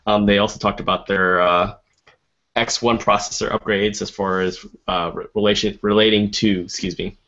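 A man with a low-pitched voice reads out tech news in a casual podcast, hesitating and filling pauses as he checks his notes. The audio is dull and lo-fi. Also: fairly even intonation, a bit bright. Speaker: podcast co-host presenting news.

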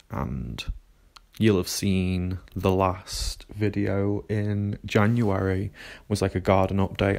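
A man's voice: sits low, gravelly, darkish tone. A man, rambling casually to camera while walking a woodland path, with lots of "like" and "um". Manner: rambling, frequent "like" and "um". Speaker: vlogger. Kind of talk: casual rambling vlog chat.

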